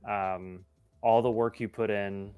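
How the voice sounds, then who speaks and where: Smooth low-voiced man, earnest co-host. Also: steady tone, slow pace, narrow, tinny audio. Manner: earnest, thoughtful, repeats words. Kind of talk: casual interview questions.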